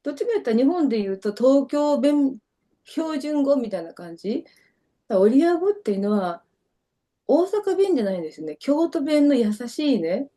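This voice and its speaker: A woman's voice: high voice, sing-song, moderate pace, dark tone. A middle-aged woman from Kyoto with a Kansai accent, a dancer chatting as an interview guest and telling long, rambling stories full of fillers. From Kyoto, Japan. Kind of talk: casual interview chat.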